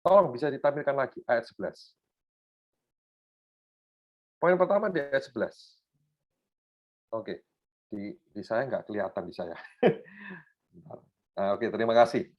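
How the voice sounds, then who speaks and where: Lively Surabaya-accented male preacher. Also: mid-range voice, measured pace, long pauses. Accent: Surabaya Javanese. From Surabaya, Indonesia. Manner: animated, addresses the congregation, mixes in English phrases. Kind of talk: sermon. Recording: dull lo-fi sound.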